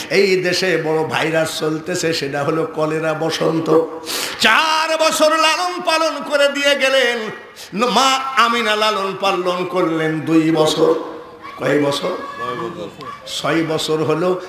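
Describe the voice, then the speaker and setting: High bright-voiced preacher chanting his sermon. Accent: Bangladeshi Bengali. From Bangladesh. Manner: sing-song chanting, shouted exclamations, questions to the crowd. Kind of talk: waz sermon with storytelling. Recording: echoey hall with long reverb.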